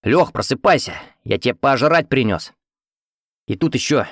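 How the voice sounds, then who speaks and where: A man voicing an eager, excitable young male student visiting a friend in hospital. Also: medium pitch, moderate pace, dry recording, studio quality, voice pushed up, close to an everyday voice. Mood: excited. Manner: excited, lively.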